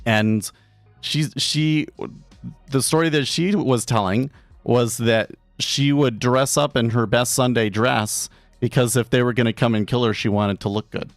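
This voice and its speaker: A man hosting a live day trading stream from his home office, talking casually and haltingly, often repeating words. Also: mid-range voice, dry recording. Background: faint background music.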